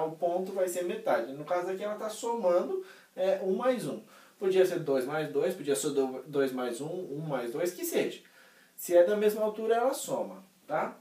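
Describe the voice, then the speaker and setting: A man's voice: a little high, a little mellow, recorded from a distance. A man teaching music theory in a casual lesson, explaining step by step, checking in with his students and singing short examples. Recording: roomy, voice somewhat off-mic.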